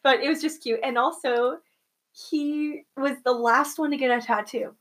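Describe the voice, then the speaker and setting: A woman's voice: high-pitched, fairly even intonation, normal speed, fairly bright tone. A young woman chatting casually as a co-host, giggling often and filling her talk with "like". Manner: giggly, chatty, many fillers. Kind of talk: casual chat.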